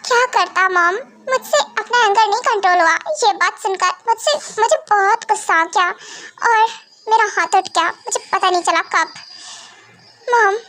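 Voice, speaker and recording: Brief: woman reading a hurt young vampire son, pleading, high-pitched fan drama voice. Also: a bit bright. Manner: tearful and pleading.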